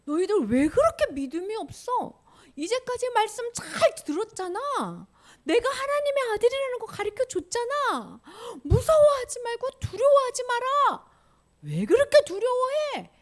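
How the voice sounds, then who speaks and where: A woman voicing Jesus as a calm, commanding man who firmly rebukes. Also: on the high side, a little slow, husky, voice pushed down, heavily acted. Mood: gently scolding.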